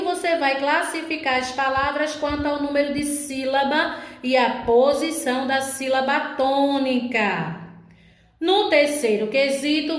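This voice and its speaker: High-voiced teacher in an echoey room. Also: female voice. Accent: Brazilian Portuguese. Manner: slow, careful, drawn-out syllables for young pupils. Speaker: primary school teacher. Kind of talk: recorded remote lesson for children.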